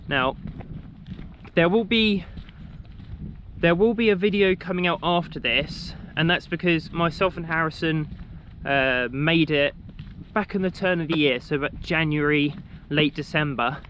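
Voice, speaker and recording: A young Englishman talks casually to his handheld camera while walking through the countryside, meandering with lots of ums and restarts. His voice sits on the high side, a little slow and fairly bright, with slight background noise.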